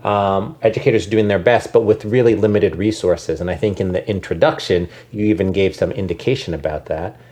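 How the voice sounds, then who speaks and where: An American education nonprofit leader, a guest in a conversational interview, speaks thoughtfully with many ums and restarts. His low, slightly mellow voice moves a little fast with few pauses.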